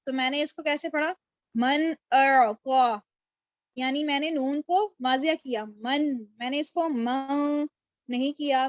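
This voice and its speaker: A woman's voice: sits high, dry recording, dull audio. A woman teaching a Quran recitation class over a video call, who explains patiently, asks her students questions and praises their answers. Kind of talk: online class lesson.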